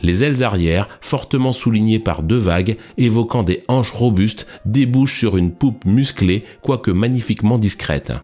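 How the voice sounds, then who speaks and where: A man narrates in a formal, literary register, every sentence read evenly as if from a prepared text. His voice sits a little low. Quiet music runs in the background throughout. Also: moderate pace, few pauses. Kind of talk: scripted narration. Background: faint background music.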